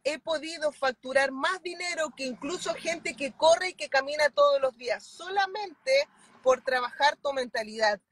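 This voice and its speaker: High-voiced Chilean woman, fervent. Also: expressive, normal speed, fairly bright tone. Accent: Chilean Spanish. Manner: fervent, emphatic. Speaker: mentoring client. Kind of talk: video call testimonial. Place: inside a car. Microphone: phone at arm's length.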